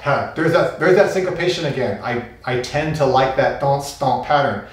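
A man's voice: mid-range voice, normal speed, very noisy. A man teaching a taiko solo, thinking aloud and vocalizing drum rhythms as he works. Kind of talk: instructional talk. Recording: very echoey room, mic far off.

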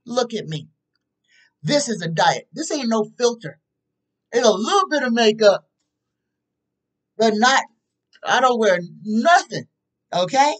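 Talking to camera from a small room in her home, this fifties-aged tarot reader hammers points home, asking "okay?" again and again. She has a fairly high, sing-song voice with an unhurried pace and long pauses. The webcam sits at desk distance, so the audio is distant and poor.

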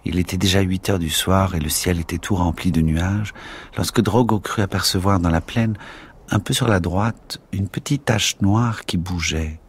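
Deep-voiced man narrating an audiobook. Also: slightly rough. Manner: measured, dramatic storytelling.

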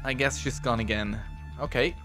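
A man's voice: mid-range voice, normal speed, pushed and bright, faint music behind. A man giving casual commentary on a first playthrough, rambling and self-deprecating as he reads on-screen text aloud. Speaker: let's play gamer.

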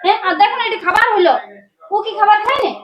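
A very high, very fast woman's voice. a woman playing a young wife in an amateur village comedy drama, indignant and pleading, with a Manbhum Bengali accent. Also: dull audio. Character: young wife defending her husband.

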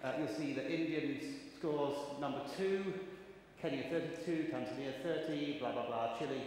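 His voice is a little high with a darkish tone, and he keeps a moderate pace. The man, in his fifties, is giving a keynote in a large conference hall, trading wry, chatty anecdotes with the audience while the room echoes softly over faint ambient noise.

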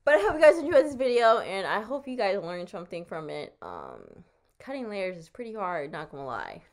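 A young woman chats to her viewers in a rambling, casual way, slightly out of breath. Her pitch moves up and down with a lot of life. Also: wildly swooping pitch, fairly quick. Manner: chatty, rambling. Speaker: vlogger. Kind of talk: casual vlog chat.

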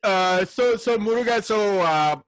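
A man's voice: high-pitched, measured pace, low-quality recording. A man from Sri Lanka hosting a video call interview, speaking hesitantly with many fillers and frequent affirmations. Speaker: host. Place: home room. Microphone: close mic on a stand.

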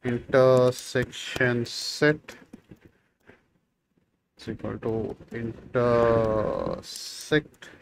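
Extremely slow and creaky, with long pauses, a man with a mid-range voice and fairly even intonation teaches coding over screen share. He's in his thirties, Tamil is his first language, and he thinks aloud casually with many fillers from a small room. A little hiss or hum is audible.

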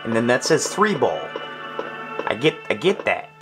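A man's voice: medium pitch, big pitch swings, unhurried, over music. A man commentating his own gameplay, frustrated, swearing often and talking to himself as he works through puzzles. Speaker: gaming channel host. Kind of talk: let's play commentary.

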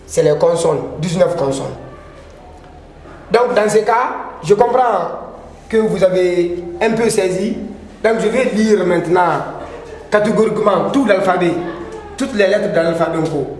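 A man teaching an alphabet lesson, reading each letter out slowly and repeating it, and switching between Manding and French to explain. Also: high-pitched, darkish tone. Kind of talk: slow language lesson. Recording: echoey room with faint background noise.

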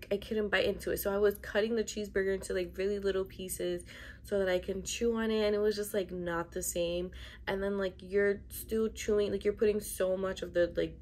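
A woman's voice: mid-range voice, fairly even intonation, a little fast, darkish tone. A young woman speaks in a mid-range voice, casual and chatty like a vlogger talking straight to her viewers. She stresses her points emphatically in a complaining way. The recording is made in a bedroom, a short distance from the camera. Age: young adult. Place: bedroom, indoors.

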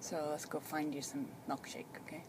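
A woman's voice: deep voice, flat delivery, moderate pace. A woman chatting casually as a caregiver, explaining things simply and reassuringly. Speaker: caregiver filming a patient. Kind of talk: casual chat. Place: inside a parked car. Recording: clearly noisy in-car recording.

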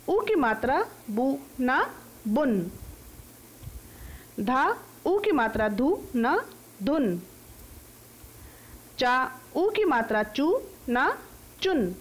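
A high-pitched Indian woman runs a slow phonics exercise online for young kids, sounding out each word syllable by syllable.

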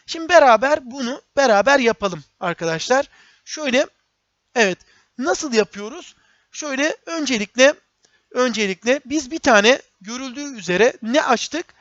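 A male instructor explains a software task one step at a time, often saying a phrase twice as he works. His voice is recorded dry, with no room sound. The audio is muffled and lo-fi, like a basic home setup. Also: very high voice, expressive, normal speed, no room sound. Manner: step-by-step, repeats phrases, addresses viewers as friends. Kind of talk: screen-recorded software tutorial.

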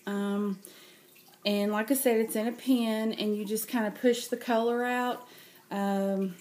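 Fairly high-pitched and darkish in tone, a woman with a cold speaks unhurriedly and with fairly even intonation. She's a craft vlogger at a table at home, casually showing handmade cards in a nasal voice and hesitating frequently with ums.

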